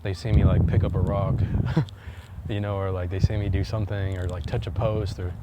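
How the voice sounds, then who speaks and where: A man's voice: sits low, flat delivery, moderate pace. A man vlogging outdoors on a walk, talking in a rambling, hesitant way full of fillers and restarts. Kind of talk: casual chat while walking. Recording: loud wind noise on the mic.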